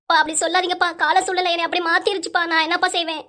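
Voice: very high voice, flat delivery, racing, bright, forceful tone. A woman voicing a young adult daughter with a southern Tamil accent, pleading with her father and refusing to give up her love. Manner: pleading, then firmly defiant.

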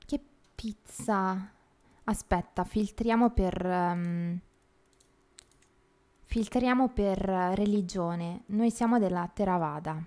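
Giovane donna, streamer, chiacchierona, ride spesso, commento di gioco informale. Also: female voice, mid-range voice, slow pace, long pauses, dark tone. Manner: chatty and playful, laughs often, reads chat aloud. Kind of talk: casual live game commentary.

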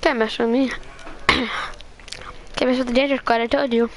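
A woman giving live gameplay commentary, excitable and trash-talking, sometimes mumbling softly while she eats. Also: on the high side, moderate pace, slight background noise. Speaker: gameplay streamer.

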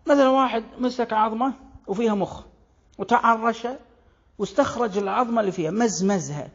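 Kuwaiti accent, explanatory monologue, rhetorical questions, gravelly husky voice, dull lo-fi recording. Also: mid-range voice, brisk. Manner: rhetorical, poses questions and answers them, breaks in with "wait, wait". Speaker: language commentator. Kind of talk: explanatory monologue on word origins.

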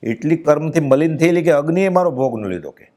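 A man with a Gujarati accent giving a devotional discourse, chanting verses slowly and then explaining them in plain speech. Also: on the high side, lively intonation, a little mellow. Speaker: spiritual discourse speaker.

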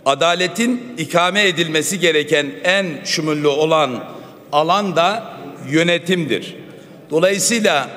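A man stands at a rostrum microphone and gives a formal parliamentary address in a measured, oratorical manner. His voice sits fairly high for a man. The sound trails off in the long reverb of a large hall. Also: fairly bright tone. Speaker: member of parliament.

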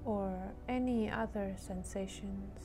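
A woman leading a guided meditation in a soothing, gentle manner, leaving long pauses between short phrases. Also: mid-range voice, fairly even intonation, music in the background.

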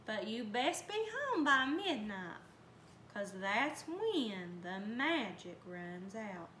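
A woman's voice: mid-range voice, sing-song, takes it slowly, pushed and bright, exaggerated voice. A woman voicing a folksy magical helper with a country drawl in a read-aloud storybook. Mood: coaxing. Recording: roomy, faint background noise.

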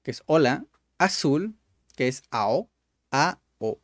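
A man's voice: mid-range voice, expressive, moderate pace, no room sound, studio quality. Man patiently repeating words. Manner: repeats words aloud and explains them like a patient tutor. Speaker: gaming YouTuber. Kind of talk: casual gameplay commentary.

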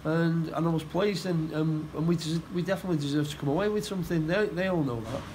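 A middle-aged football manager giving a post-match interview, plain-spoken and halting, often repeating his words. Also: a little high, darkish tone, slight background noise, poor audio. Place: indoor room by a stadium door.

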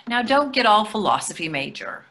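In a readers theatre play, a woman in her sixties voices a middle-aged wife who placates and dryly, gently needles. Her mid-range voice is sing-song and sharp at normal speed, recorded on a video call in a plain indoor room.

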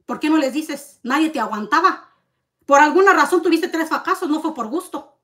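A woman rants to camera in her vlog, accusing and bitter. Her voice sits high, and she stacks up hard rhetorical questions. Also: moderate pace, a bit bright. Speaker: vlogger. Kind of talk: heated confrontational rant to camera.

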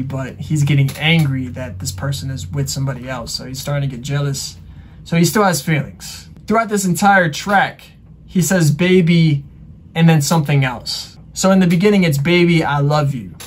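Man with a fairly high voice. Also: a little hiss or hum. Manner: relaxed, filler-heavy explaining. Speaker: reaction channel host. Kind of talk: casual music reaction commentary.

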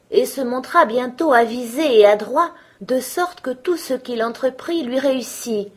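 A woman storyteller reading a fairy tale aloud in a gentle, measured way. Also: a little high, slightly rough.

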